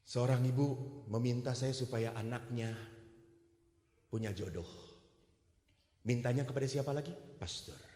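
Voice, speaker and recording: Animated joking priest in an echoey hall. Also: male voice, mid-range voice, measured pace, pauses often. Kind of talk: sermon.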